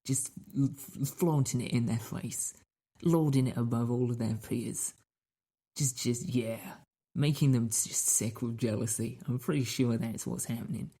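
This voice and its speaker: A podcast host with a medium-pitched, warm, slightly rough voice talks at a steady, somewhat slow pace. His style is casual and chatty, and he playfully repeats phrases and throws rhetorical questions at his listeners.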